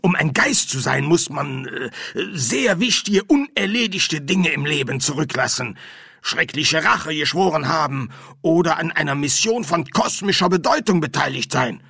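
A man's voice: fairly high pitch, expressive, normal speed, creaky, bright, forceful tone, breathy edge, no echo, clean studio sound, pitched above the performer's own voice, full character voice. A man voicing a stern, bossy older female medium who gives curt orders. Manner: curt, commanding.

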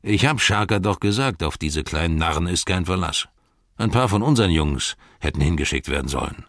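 A man's voice: deep voice, expressive, a little fast, a bit bright, dry recording, clean studio sound, full character voice. A man doing a sneering brutish ruffian. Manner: bullying, menacing, drawls and spits words.

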